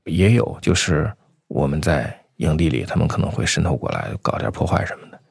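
A man with a deep, husky voice recounts his own experiences in an interview. He talks conversationally and haltingly, circling back over phrases, in a dry recording. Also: animated, no room sound. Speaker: anti-poaching patroller, interview guest. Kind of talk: unscripted first-person storytelling.

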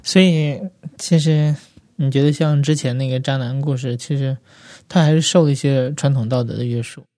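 A man hosting a podcast and interviewing a guest, asking measured, hesitant questions. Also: medium pitch, steady tone, mellow, no room sound, studio quality.

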